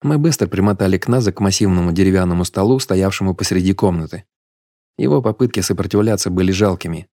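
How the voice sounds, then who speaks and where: A man narrating an audiobook in a steady, measured storytelling manner. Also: low-pitched, no echo, studio quality.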